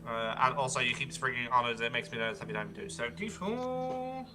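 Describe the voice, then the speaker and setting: A man with a medium-pitched voice talks as a player at a tabletop game. His delivery is casual table chat, with clear background music. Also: expressive, quick pace.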